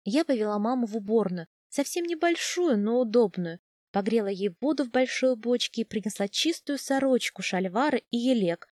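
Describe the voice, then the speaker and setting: A woman narrating a novel in the first person, measured and softening on quiet lines. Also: fairly high pitch, lively intonation, no echo, clean studio sound. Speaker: audiobook narrator.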